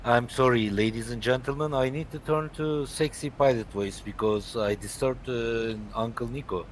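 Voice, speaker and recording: A man's voice: mid-range voice, steady tone, normal speed, a little hiss or hum. A man streaming a flight simulator, chatting casually in non-native English and joking with a friend. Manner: non-native English, jokey, loud at times. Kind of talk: casual live-stream chat.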